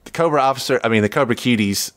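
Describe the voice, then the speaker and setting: A man co-hosting a casual comic-book podcast, relaxed and laughing often as he reads panel dialogue aloud. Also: mid-range voice, rapid-fire, no room sound, studio quality. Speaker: podcast co-host.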